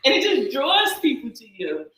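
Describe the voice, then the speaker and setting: A woman hosts a relaxed chat and talks with bubbly enthusiasm, full of little fillers. Her voice is bright and clear. She sounds like she is on a video call from a room with a lot of echo. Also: sits high, moderate pace. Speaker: host. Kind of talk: casual conversation.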